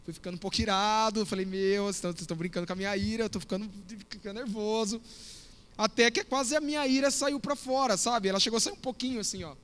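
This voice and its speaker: A youth pastor preaching with a high, bright, forceful voice. He talks casually and tells stories, speaking straight to the young people in front of him. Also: fast. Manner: storytelling, conversational, addresses audience directly. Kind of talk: sermon.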